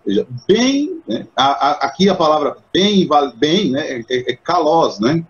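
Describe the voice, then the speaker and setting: A man hosting a casual live chat on Bible literature, animated and acting out the voices he quotes. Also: fairly high pitch, a little slow, muffled recording. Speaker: host.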